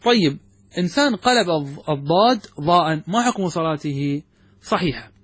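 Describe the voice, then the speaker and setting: A man teaching religious law, explaining a text step by step and often asking his students whether it is clear. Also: a little high, lively intonation, moderate pace, dry recording. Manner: poses questions then answers them. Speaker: sheikh teaching Islamic jurisprudence. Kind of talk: classroom commentary on a text.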